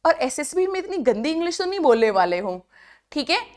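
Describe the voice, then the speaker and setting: A woman's voice: high voice, very animated, brisk. A woman teaching exam vocabulary in an online lecture, mixing Hindi and English and quizzing the class with repeated rhetorical questions.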